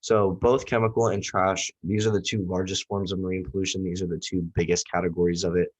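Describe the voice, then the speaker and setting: Brisk and fairly flat in pitch, a deep male voice comes through a low-quality recording. The speaker, a young Southwest Floridian with a cold that makes him nasal, gives a casual, rambling class presentation heavy with fillers.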